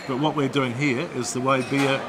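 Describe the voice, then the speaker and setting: A man's voice: medium pitch, fairly even intonation, normal speed, background noise. An older man, founder of a brewery, telling its story earnestly in a documentary interview in a busy brew bar.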